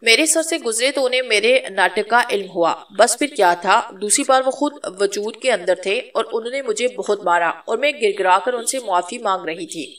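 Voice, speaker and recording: A woman's voice: medium pitch, animated, fairly bright tone, distant mic, natural voice. A woman voicing a cheeky, lovesick young woman who teases and talks crudely. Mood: confiding. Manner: teasing, crude, playful.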